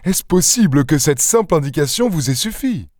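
A man reading the part of an anxious gentleman who is easily amazed and full of questions. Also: on the high side, very animated, moderate pace, no room sound, clean studio sound, voice pushed up. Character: anxious, astonished gentleman, middle-aged man. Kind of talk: audiobook character voice.

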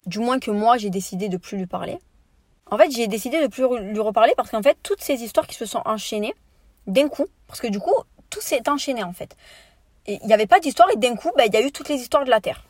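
Fast-talking indignant young woman. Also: fairly high pitch, no room sound, clean studio sound. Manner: animated, indignant storytelling with slangy asides. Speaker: podcast host. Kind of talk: casual storytime monologue.

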